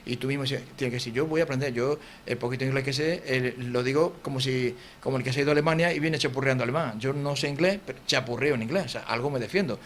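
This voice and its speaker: Fast-talking Andalusian man, TV guest. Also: medium pitch, slight background noise. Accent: Andalusian Spanish. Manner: fast, animated, acts out quotes and sounds. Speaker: author, interview guest. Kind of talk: TV interview, casual explanation. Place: local TV studio.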